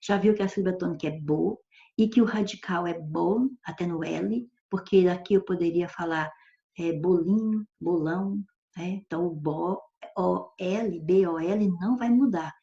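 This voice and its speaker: A woman teacher with a lowish, dark voice at a normal pace explains grammar in a patient classroom lecture. She keeps asking questions to make sure students are following. The recording is dull and lo-fi.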